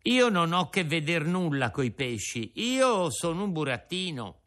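A man's voice: on the high side, sing-song, unhurried, a bit bright, pitched above the performer's own voice. A man voicing a frightened, tearful wooden puppet boy in a storybook reading, with a whiny, pleading voice. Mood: scared.

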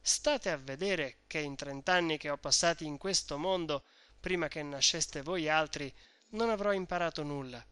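Guy reading a bossy know-it-all mom explaining stuff, bright tone, dry close sound. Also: a little high, normal speed, clean tone, no room sound, close to an everyday voice. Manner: insistent, explaining. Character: shrewd talkative middle-aged mother.

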